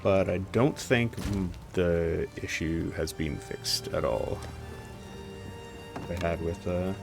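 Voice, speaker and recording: Guy gamer chatting to himself, gravelly, kinda low, mulling stuff over, game music behind. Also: slow. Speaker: game streamer. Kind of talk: casual gameplay commentary, thinking aloud.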